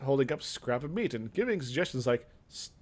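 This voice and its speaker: A fast-talking man with a mid-range voice and big swings in pitch hosts a gaming video. He reads a fantasy game aloud in a theatrical storytelling style, breaking it up with offhand, casual asides.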